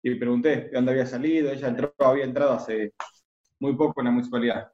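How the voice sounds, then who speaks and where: Fast-talking Rioplatense man, echoey room. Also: medium pitch, steady tone, dull audio, a little hiss or hum. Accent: Rioplatense Spanish. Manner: confident, matter-of-fact. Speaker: guest. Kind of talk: casual interview.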